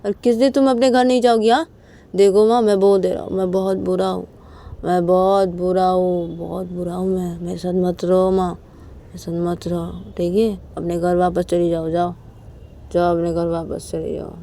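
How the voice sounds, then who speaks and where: A woman's voice: fairly low pitch, level tone, moderate pace, warm tone, a little hiss or hum, lightly acted. A woman voicing an angry, hurt young man in a storybook romance, bitterly repeating himself as he pushes his wife away.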